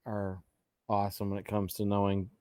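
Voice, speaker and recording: A man's voice: lowish voice, completely flat delivery, moderate pace, a little mellow, smooth, no room sound, studio quality. A middle-aged man co-hosting a casual live-stream chat, joking and exclaiming often with trailing asides.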